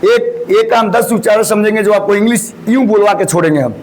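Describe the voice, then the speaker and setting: A man's voice: high-pitched, a little fast, a little mellow, rough recording. A man teaching English pronunciation, drilling word lists and repeatedly addressing students as children. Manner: repeats word lists, calls listeners beta ji. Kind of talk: classroom-style pronunciation lesson.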